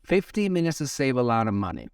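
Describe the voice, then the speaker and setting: An upbeat man co-hosting a casual talk show, his voice a middling pitch. He reacts with eager enthusiasm and sums up his guests' points. The sound is dry and a little distant from the mic. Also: big pitch swings, fast talker, clean tone, dry recording. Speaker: podcast co-host. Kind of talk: casual chat.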